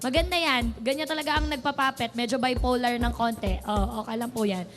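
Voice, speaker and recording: Brief: female talent judge, high voice, warm advising tone, music bed. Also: brisk. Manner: friendly, gently advising. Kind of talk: critique on live TV.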